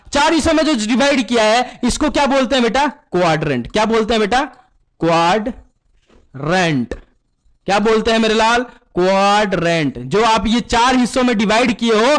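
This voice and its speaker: A very high, slightly bright male voice teaches math in Hindi sprinkled with English terms. In this call-and-response classroom lesson, he keeps asking the same question, answers it himself, and addresses students as "beta."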